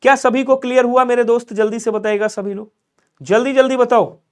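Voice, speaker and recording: A man teaching Hindi grammar in a live online exam-prep class, coaxing and repeating points and pressing viewers to answer quickly. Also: extremely high pitch, fairly even intonation, clean tone.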